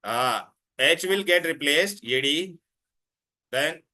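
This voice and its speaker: A man's voice: a little high, expressive, slow, bright, forceful tone. A man with an Indian accent teaching a chemistry class, insistently repeating himself, questioning students and mixing Hindi into his English. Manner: mixes Hindi words into English.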